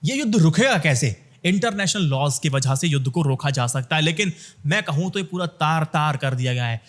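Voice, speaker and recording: A man's voice: fairly high pitch, animated, normal speed. A young man giving opinionated news commentary, talking straight to his viewers and firing rhetorical questions at them.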